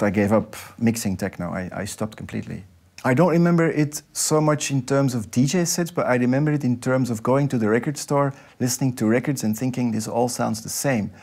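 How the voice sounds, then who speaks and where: A man, a DJ speaking thoughtfully and at a measured pace in an interview. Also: lowish voice, darkish tone. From Belgium. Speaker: DJ and producer, interview guest. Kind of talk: reflective interview talk. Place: nightclub.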